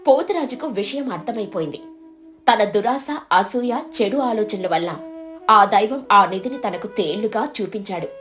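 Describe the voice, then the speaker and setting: A woman narrating an animated moral storybook in a steady, scripted storytelling voice. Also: medium pitch, normal speed, faint music behind.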